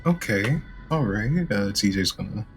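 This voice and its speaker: A man's voice: fairly low pitch, expressive, normal speed. A man casually narrating his character's actions in a tabletop role-playing game. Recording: background music under the voice.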